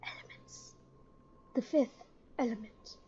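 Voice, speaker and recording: A woman's voice: slow, mellow, in a whisper, muffled recording. A woman streamer giving casual gameplay commentary, chatty and joking, reading game text aloud.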